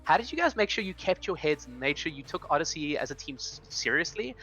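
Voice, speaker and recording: Bright-voiced male esports analyst. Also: a little high, sing-song, fast, faint music behind. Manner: thoughtful, rambling with many fillers. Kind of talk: esports analysis desk chat.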